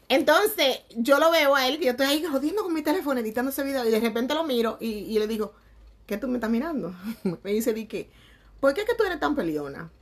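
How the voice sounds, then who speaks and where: Young woman, casual vlog chat, fairly high pitch, animated, laughs often, crude slang. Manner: lively, laughing, swings loud and soft, crude slang. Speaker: vlogger.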